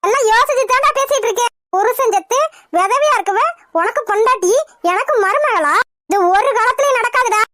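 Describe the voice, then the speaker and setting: A woman's voice: very high-pitched, brisk, pushed and bright, dry recording. A woman voicing a domineering, scornful older village mother in a cartoon, talking harshly and contemptuously. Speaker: hero's mother. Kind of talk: cartoon voice acting.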